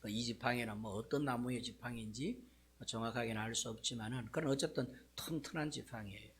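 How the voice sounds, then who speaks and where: A male pastor preaching a sermon, telling the story in a lively way with frequent asides to the congregation. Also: medium pitch, a little fast, husky.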